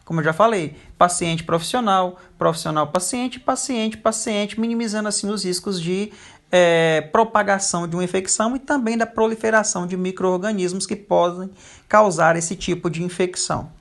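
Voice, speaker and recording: A teacher giving a recorded lecture over slides, pausing often with fillers. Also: mid-range voice. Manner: frequent hesitation fillers.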